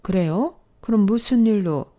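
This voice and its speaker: A woman playing a scornful rich mother-in-law, haughty and cutting, soft mellow voice, storybook read. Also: medium pitch, animated, normal speed, natural voice. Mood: amused, mocking. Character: rich, sharp-tongued older mother-in-law. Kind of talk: storybook dialogue reading.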